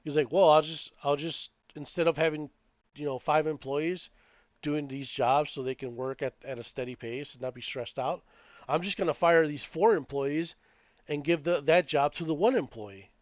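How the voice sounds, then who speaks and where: Ranting man in his late thirties, slightly high voice. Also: normal speed, dry recording. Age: 30s. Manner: profane, rambling, animated ranting. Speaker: podcast co-host. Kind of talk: casual chat. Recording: dull lo-fi dry sound.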